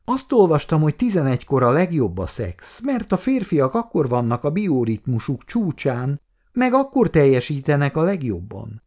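A man's voice: mid-range voice, huge pitch swings, hardly any pauses, darkish tone, slightly rough, exaggerated voice. Man putting on a cooing, flirty office woman. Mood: flirting. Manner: cooing, coquettish.

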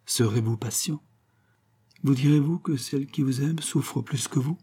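A man's voice: mid-range voice, moderate pace, mellow, slightly rough, pitched above the performer's own voice, close to an everyday voice. A man voicing a scheming woman posing as a countess in an audiobook, speaking in a theatrical, pleading manner. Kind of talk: audiobook character reading.

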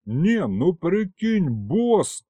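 A man voicing a rowdy, slang-spouting gangster imp warrior in an audiobook, with loud blustering delivery. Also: fairly high pitch, sing-song, takes it slowly, no echo, heavily acted. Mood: whining bluster. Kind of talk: audiobook character voice.

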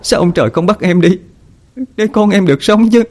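A man's voice: high-pitched, a little fast, a little mellow, voice pushed up. A man voicing a grief-stricken young mother who wails and pleads while sobbing. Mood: wailing grief. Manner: wailing, pleading.

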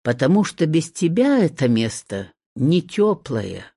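A reader voicing an earnest young man who speaks quietly and haltingly. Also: medium pitch, very animated, vocal fry, husky, no room sound, clean studio sound, exaggerated voice. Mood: tender.

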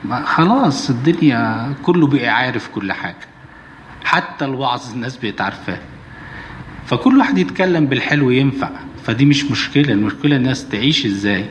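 Egyptian priest preaching with hall reverb. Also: male voice, medium pitch, expressive, fairly quick, a little hiss or hum. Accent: Egyptian Arabic. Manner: earnest, exhorting, colloquial. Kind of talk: sermon. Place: church.

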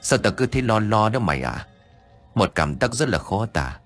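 A frightened young man who stammers and trips over his words, as a male storyteller voices him. He talks quickly and nervously, his pitch jumping about. Faint music is heard behind him. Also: big pitch swings, fairly bright tone, exaggerated voice. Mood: uneasy. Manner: stammering, jittery.

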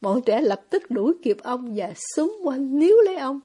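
A woman narrating a novel as an audiobook, reading in a steady storytelling manner. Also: sits high, normal speed, husky.

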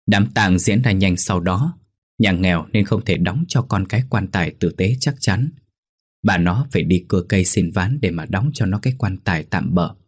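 A man narrating a ghost story in a somber, steady manner. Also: deep voice, breathy edge.

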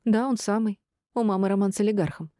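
A woman's voice: mid-range voice, fast, dark tone, no room sound, clean studio sound, voice pushed up, lightly acted. A woman voicing an emotional grown daughter who pleads and defends herself through tears. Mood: defensive. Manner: pleading, tearful.

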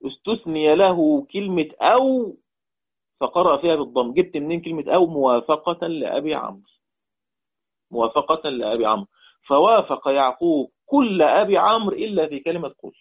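A man's voice: fairly high pitch, animated, quick pace, breathy edge. A man with an Egyptian Arabic accent teaching a Quran recitation lesson. He repeats points and quizzes his students. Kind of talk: online lesson explaining readings. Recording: tinny phone-like line.

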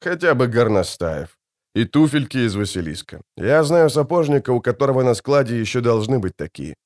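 A man's voice: medium pitch, very animated, brisk, darkish tone, lightly acted. Geralt, a man doing a terse grim witcher. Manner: terse and curt.

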